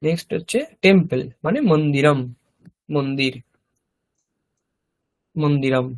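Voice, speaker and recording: A male teacher with a Bengali accent, giving a slow vocabulary lesson and repeating each word carefully. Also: a little high. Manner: repeats each word slowly, explains pronunciation. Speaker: Sanskrit teacher. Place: language school classroom.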